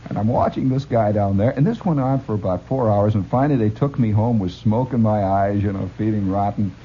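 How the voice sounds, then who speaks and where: On a dull, lo-fi radio recording with a bit of hiss or hum, an Illinois radio host rambles through a story, laughing and restarting often. His voice is on the low side and he talks fairly quickly with animated energy.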